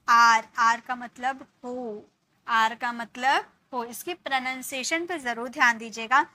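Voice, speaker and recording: A woman's voice: fairly high pitch, sharp tone. A woman teaching English vocabulary in Hindi, spelling each word letter by letter and repeating meanings patiently. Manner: spells words letter by letter, then repeats slowly.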